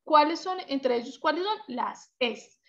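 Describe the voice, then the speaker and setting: High-voiced woman teaching French online. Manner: lively, switches between Spanish and French, repeats sounds slowly. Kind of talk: online class, explaining in Spanish and French. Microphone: video call. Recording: muffled lo-fi video call audio.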